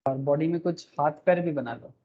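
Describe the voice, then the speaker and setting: A man's voice: fairly high pitch, fairly quick, phone-quality sound. A male teacher giving a tax class online, joking at his own drawings, calling his students "sir" and mixing in English terms. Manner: joking, self-mocking, calls students "sir".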